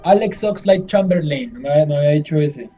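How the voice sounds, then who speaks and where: A man's voice: a little high, lively intonation, fast, dark tone, faint music behind. A man in casual podcast banter, hesitating with fillers as he tries to recall names. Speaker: podcast co-host playing a trivia game. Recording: dull, slightly lo-fi mic.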